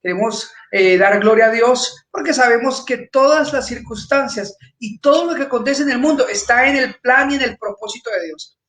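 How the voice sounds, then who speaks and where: A man, preaching as a pastor in a steady, earnest way. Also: very high-pitched, moderate pace, hardly any pauses. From Peru. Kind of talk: church sermon greeting. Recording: echoey room.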